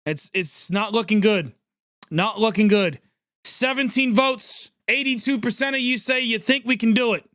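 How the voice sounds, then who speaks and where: A man with a fairly high voice gives live play-by-play reaction commentary, excitable and chatty and quick to react to every play. The sound is dry and close, with no room echo. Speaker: livestream sports reaction host.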